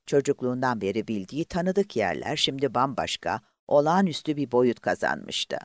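A man's voice: medium pitch, very animated, moderate pace, dry recording, clean studio sound. A man narrating an audiobook expressively and voicing the characters himself.

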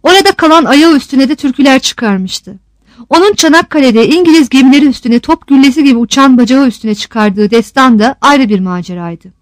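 A woman with a high voice reads a novel aloud in a steady, descriptive way. The recording is close and dry, with no room sound. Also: a little fast, no room sound. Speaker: narrator. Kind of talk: audiobook narration of a novel.

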